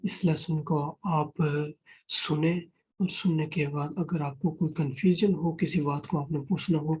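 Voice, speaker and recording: Very husky, patient Quran reading teacher. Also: medium pitch, fairly even intonation, darkish tone, low-quality recording. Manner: patient, repeats each point in Urdu and English words. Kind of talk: beginner alphabet lesson.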